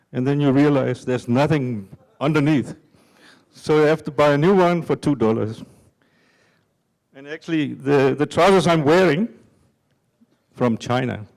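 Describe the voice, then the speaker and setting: An older man from Denmark giving a conference talk in an unhurried, halting way with many fillers. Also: medium pitch, creaky, darkish tone. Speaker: conference speaker. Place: conference hall.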